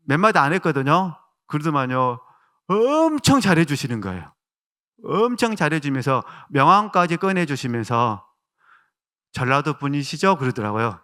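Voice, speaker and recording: A male pastor with a Jeolla Korean accent preaching a sermon, telling stories and asking the congregation questions. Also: medium pitch. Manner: warm storytelling with rhetorical questions to the congregation.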